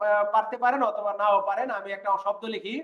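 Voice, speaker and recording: A man with a fairly high voice gives an online lesson, patiently repeating sounds and asking his students whether they follow. The recording carries a noticeable room echo. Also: fairly even intonation, fast talker, highs cut off. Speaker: Korean language teacher. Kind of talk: online class lecture.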